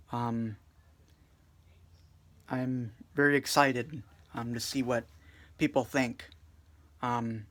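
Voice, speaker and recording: Subdued, hesitant young man reviewing music. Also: mid-range voice. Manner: subdued, flat delivery; hesitant, many fillers and restarts. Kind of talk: casual music review talk.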